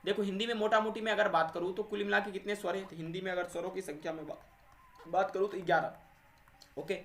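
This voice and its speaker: A man teaches an exam-prep grammar lesson, asking questions and answering them himself. His voice is bright and sharp. The room around him is echoey. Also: high-pitched, fairly even intonation, quick pace, a little hiss or hum. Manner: addresses students as friends and little brothers, asks and answers own questions. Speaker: English teacher.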